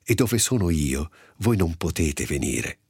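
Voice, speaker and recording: A man reading the words of Jesus as a calm, authoritative teacher, in a measured, solemn way. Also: rumbling low, vocal fry, slightly rough, no echo, studio quality, heavily acted.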